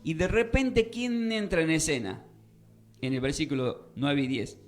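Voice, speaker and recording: Faint music plays behind a man whose slightly high voice moves a little slowly as he leads a radio Bible class from the studio. He questions listeners and emphatically repeats the main points.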